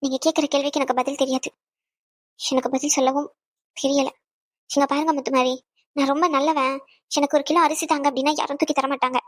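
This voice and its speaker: A woman's voice: sits high, little pitch movement, fast, long pauses, no echo, clean studio sound, lightly acted. A woman voicing a cold defiant young wife. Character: proud resentful young wife. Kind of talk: cartoon voice acting.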